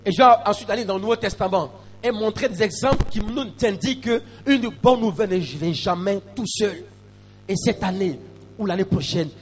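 High-voiced preaching man, stammering. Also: slightly rough, big-room sound. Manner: preaching with call-and-response to the congregation, rising to shouts; stammers and repeats words. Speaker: pastor. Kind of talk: sermon.

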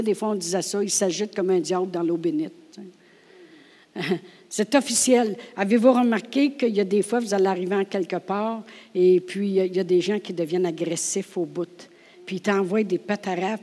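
Lively Québécois woman preaching. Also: medium pitch, long reverb tail. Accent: Québécois French. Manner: lively, laughing, acts out scenes, swings from hushed to loud. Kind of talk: animated storytelling sermon.

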